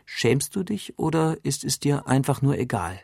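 A man voicing a cool, quiet female detective. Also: mid-range voice, big pitch swings, normal speed, gravelly, no room sound, studio quality. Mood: cool probing. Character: calm, probing female police detective.

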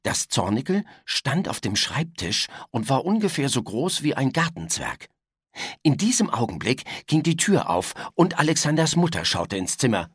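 Lively husky male storyteller. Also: mid-range voice, normal speed, dry recording, studio quality. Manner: lively, expressive reading. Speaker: narrator. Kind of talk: storybook reading.

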